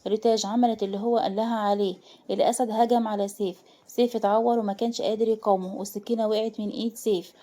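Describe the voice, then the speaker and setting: A woman's voice: mid-range voice, flat delivery, rapid-fire, mellow. A woman with an Egyptian accent reading out a story. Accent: Egyptian Arabic.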